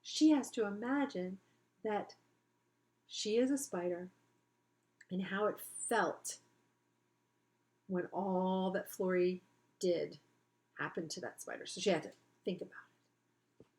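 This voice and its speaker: A woman's voice: medium pitch, slow pace, long pauses, darkish tone, poor audio. A woman teacher reading a children's book aloud, breaking off to explain things to her listeners in a chatty way.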